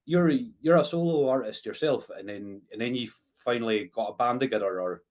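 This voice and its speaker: A man with a Scottish Highland accent speaks at a middling pitch as a podcast host. His interviewing is casual and chatty. He is hesitant, often repeating words and ending phrases with a tagged "eh". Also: brisk, a little mellow.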